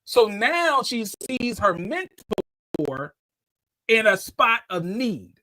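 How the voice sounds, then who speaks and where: A man's voice: high-pitched, sing-song, very slow, background noise. A man hosting a live call-in show, talking callers on and explaining at length in a conversational way. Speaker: host.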